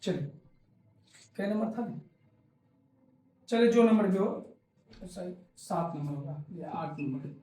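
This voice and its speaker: A man's voice: sits high, animated, slow, long pauses, dark tone, roomy sound. A man teaching a chemistry class, repeating his points and answering his own questions. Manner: repetitive, coaxing, asks questions and answers them himself. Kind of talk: classroom lecture.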